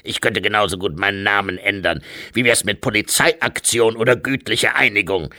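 A boastful, gruff old warrior called War, as an audiobook reader puts him on. The voice sits very deep and pushes with a hard, forceful edge. It is recorded dry and close. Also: male voice, no echo, heavily acted. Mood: boisterous. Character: War, ancient boisterous male warrior growing old. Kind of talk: audiobook character voice.

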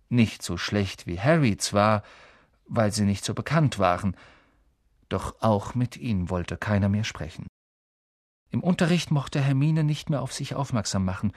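Expressive male audiobook narrator. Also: fairly low pitch, dry recording, clean studio sound. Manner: expressive storytelling, lively emphasis.

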